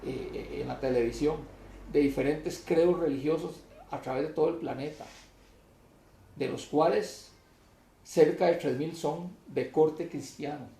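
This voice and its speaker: A man preaching a sermon, his voice high, gravelly and mellow in tone. He speaks emphatically and swells into loud declamation when he reads scripture. The room around him is echoey. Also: measured pace, a little hiss or hum.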